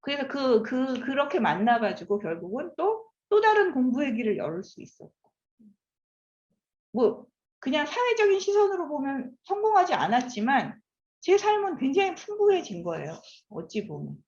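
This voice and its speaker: Fifties woman lecturing in a roomy echoey hall, lively up-and-down voice, a bit dull sound. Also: sits high, moderate pace. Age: 50s. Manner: animated, asks the audience questions. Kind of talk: classroom lecture. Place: lecture room.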